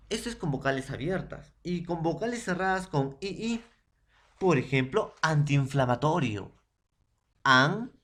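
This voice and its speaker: During a classroom language lesson for secondary students, a Peruvian man with a medium-pitched voice slowly divides words into syllables. He answers the questions he poses and regularly asks "¿ya?" and "¿no?" to be sure everyone keeps up.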